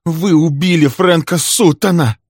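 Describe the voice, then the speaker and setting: A man voicing a hysterical, furious woman who shrieks accusations, his voice pushed very high and loud. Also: unhurried, dry recording, clean studio sound. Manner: screaming, shrill.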